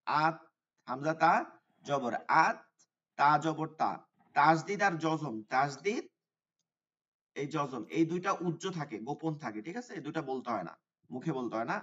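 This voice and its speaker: A man's voice: fairly high pitch, expressive, a bit bright. Man teaching Quran recitation in an online class. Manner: explains slowly, drawn-out recitation examples. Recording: dull sound from away from the mic.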